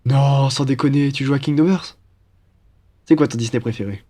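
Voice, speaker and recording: Close to his everyday voice, a young man speaks in a warm mid-range tone at normal speed. He plays an enthusiastic, cheeky student roommate in a casual, friendly French roleplay, with a playful, slangy manner.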